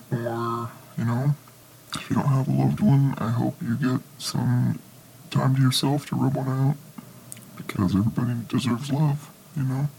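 A man co-hosting a casual comedy podcast, talking slowly in a gravelly, fry-laden voice. He rambles through crude improvised jokes full of fillers. A faint noise sits behind him. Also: medium pitch, a little mellow, poor audio. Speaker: podcast co-host.

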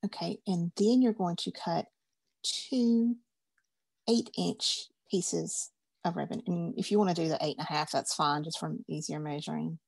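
A woman's voice: lowish voice, steady tone, measured pace, vocal fry, a little mellow, no room sound. A woman, teaching a craft class in a chatty, upbeat, folksy way. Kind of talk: casual craft class instruction.

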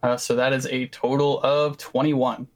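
A man's voice: medium pitch, flat delivery, normal speed. A man playing a tabletop role-playing game, chatting casually with laughs and stammered restarts. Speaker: player. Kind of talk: tabletop role-play chat.

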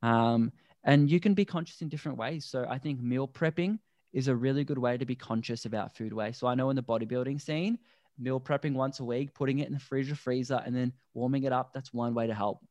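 A man, a guest on a podcast, explaining things earnestly and deliberately in a conversational interview. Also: mid-range voice, darkish tone, no echo. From Australia. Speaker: podcast guest, endurance athlete.

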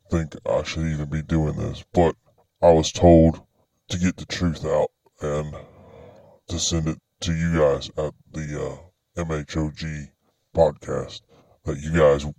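Man acting frightened military whistleblower, disguised deep voice, pitched-down voice changer, halting, repetitive, dry close sound. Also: little pitch movement, dark tone, no room sound. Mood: nervous, scared. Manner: nervous, halting, stammering, repeating words. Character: frightened anonymous military private telling his secret story. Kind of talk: confessional testimony for a podcast.

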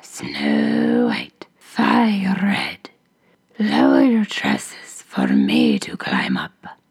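A woman voicing a huge, tall, stout female ogress in a hoarse, very low whisper. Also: wildly swooping pitch, extremely slow, exaggerated voice. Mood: calling.

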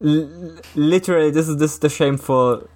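A man's voice: fairly high pitch, fairly quick, a little mellow. A man in casual podcast chat, rambling with lots of fillers.

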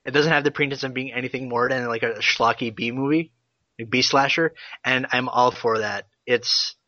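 A man's voice: medium pitch, normal speed, pushed and bright, no room sound, highs cut off. A man co-hosting a casual movie review podcast, upbeat and enthusiastic, laughing often. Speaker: podcast co-host.

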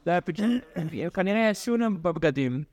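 A man's voice: high voice, animated, darkish tone. A young man, a student in a classroom, asking the teacher questions in a casual way, full of fillers.

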